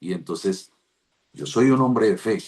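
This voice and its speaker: A man's voice: lowish voice, animated, measured pace, darkish tone. A man, a pastor, telling a rambling devotional testimony over a video call. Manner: rambling storytelling with restarts.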